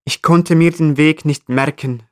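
Man voicing a chatty little storybook flea, higher pitch, dry close sound. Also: fairly even intonation, measured pace, clear, resonant tone, no echo, natural voice. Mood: cheerful. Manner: cheerful, chatty. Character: small cheerful male glacier flea.

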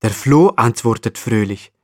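Male storyteller, mid pitch, slow and gentle, talks straight to the listener. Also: lively intonation, dry recording, clean studio sound. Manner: gentle, addresses the listener directly. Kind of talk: children's story narration.

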